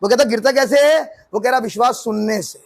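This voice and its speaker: Male pastor, very high voice, emphatic questioning sermon style. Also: brisk. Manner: preaching with rising emphatic questions.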